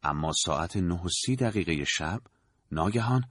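Deep husky guy reading a story out, measured and dramatic, varied intonation. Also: lively intonation, fairly bright tone, no echo, studio quality. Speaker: narrator. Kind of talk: scripted audiobook narration.

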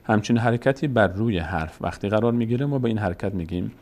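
A man with a slightly low voice delivers a calm, methodical lesson on reading the Quran. He speaks slowly and deliberately, spelling out the letters of the alphabet patiently, one at a time, in an instructional tone. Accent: Persian. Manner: slow, patient, deliberate explanation with drawn-out letter recitation. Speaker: Quran recitation teacher. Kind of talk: instructional lesson on Arabic vowel marks.

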